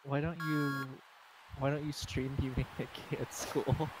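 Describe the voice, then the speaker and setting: A man's voice: mid-range voice, level tone, unhurried, background noise. A man chatting casually, making teasing, dry remarks. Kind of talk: casual chat. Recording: game music underneath.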